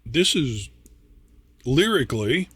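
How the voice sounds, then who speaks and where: Older guy reacting to a song, slow drawl, a bit drunk and slurry, dry close sound, cusses and trails off a lot. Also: mid-range voice, sing-song, a bit bright, breathy edge, dry recording. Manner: rambling, halting and swearing. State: tipsy, slightly slurring. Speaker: reaction video host. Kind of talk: casual spoken reaction.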